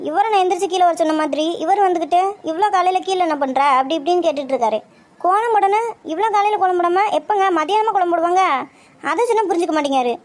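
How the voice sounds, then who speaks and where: A woman voicing a sharp-tongued, teasing young wife in a cartoon family story, talking quickly and scolding. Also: very high voice. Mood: complaining. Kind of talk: cartoon voice acting.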